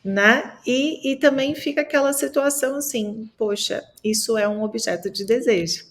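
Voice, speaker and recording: A woman's voice: fairly high pitch, moderate pace. A woman from Minas Gerais talking about food in a casual podcast chat, explaining with many fillers and tag questions. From Minas Gerais, Brazil.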